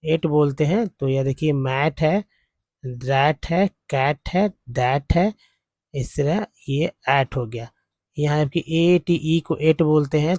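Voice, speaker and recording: A man's voice: a little high, warm tone, no echo. A man teaching English spelling and pronunciation in a patient lesson, repeating each sound several times.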